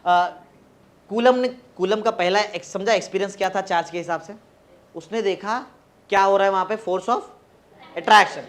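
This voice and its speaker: Man teaching physics, drawn-out chanting. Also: high-pitched. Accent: Indian, Marathi-region Hindi. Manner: coaxing students to repeat definitions aloud, drawn-out chanting. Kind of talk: classroom physics lecture.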